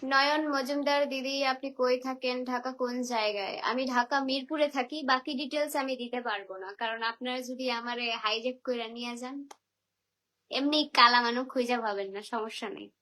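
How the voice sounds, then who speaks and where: A woman's voice: high voice, steady tone, moderate pace, bright, forceful tone. A woman from the Barisal region of Bangladesh on a phone livestream, reading out viewers' names and answering their comments with teasing, chatty replies. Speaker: live streamer. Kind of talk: reading viewer comments on a live video call.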